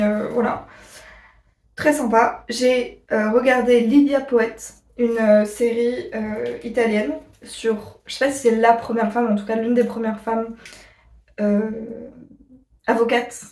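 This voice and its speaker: A woman vlogger chatting casually to her viewers, rambling and pausing often on fillers. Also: on the high side, a little mellow, distant mic. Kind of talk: casual chat to camera. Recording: echoey room, voice a bit off-mic.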